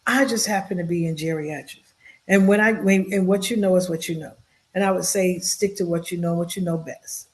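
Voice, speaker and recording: A woman's voice: lowish voice, fairly even intonation, a little fast. A woman in her fifties speaks as a podcast guest with an earnest, heartfelt delivery. She circles back on her own phrases and repeats words for emphasis. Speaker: podcast guest, social worker. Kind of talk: heartfelt interview talk.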